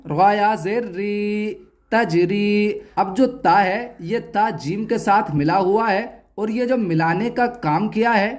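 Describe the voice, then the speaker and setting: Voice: medium pitch, darkish tone. A teacher giving a reading lesson, spelling words out letter by letter and repeating key terms as questions and answers.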